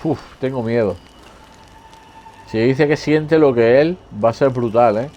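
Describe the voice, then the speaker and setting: A man's voice: mid-range voice, unhurried, dark tone, highs cut off. A man with a Castilian Spanish accent giving casual playthrough commentary, informal, with rhetorical questions and muttered reactions. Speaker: gaming streamer. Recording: faint background noise, game sound.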